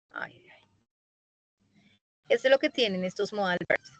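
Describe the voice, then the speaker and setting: A woman's voice: on the high side, no echo, poor audio. A woman teaching an English grammar lesson in an online class, explaining patiently and checking in often with her students. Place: online meeting recording.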